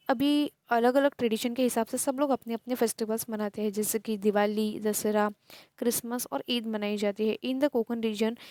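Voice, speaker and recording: An Indian woman teacher going through a textbook chapter, slowly reading English lines and explaining them in Hindi. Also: on the high side, a little mellow, dry recording, clean studio sound.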